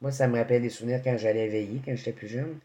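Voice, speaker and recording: A man's voice: medium pitch, fairly even intonation, racing, dark tone. A man hosting a radio interview, bantering and laughing easily with his guest. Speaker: radio host.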